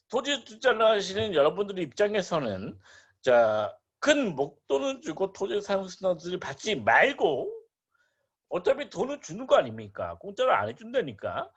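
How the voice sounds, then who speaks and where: A man giving an online real estate lecture, animated and asking rhetorical questions with playful asides. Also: high voice, husky, muffled recording.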